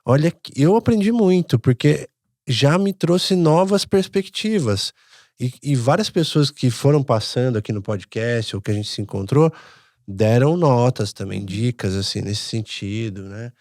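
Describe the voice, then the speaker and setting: A man's voice: mid-range voice, measured pace, dry recording, studio quality. A Brazilian man co-hosting a podcast, reflecting aloud on what he has learned in a casual way. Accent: Brazilian Portuguese. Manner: reflective, thinks out loud. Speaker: podcast co-host. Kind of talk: casual chat.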